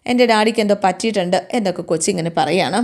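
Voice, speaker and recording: A woman's voice: mid-range voice, very fast. A woman chattily retelling a TV serial's story, with tag questions and fillers. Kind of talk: casual plot retelling.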